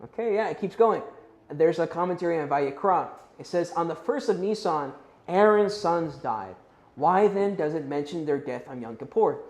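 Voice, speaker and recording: A man's voice: fairly high pitch, lively intonation, moderate pace, a little mellow. A man teaching a youth Bible class in a casual, conversational way, checking in with his listeners and unsure how to pronounce some Hebrew and Greek words. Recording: roomy echo.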